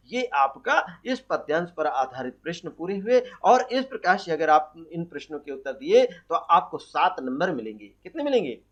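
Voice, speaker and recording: A man teaching a Hindi poetry lesson for exam prep, quizzing students and answering his own questions. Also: a little high. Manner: asks questions and answers them himself; recites verse slowly. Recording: dull lo-fi audio.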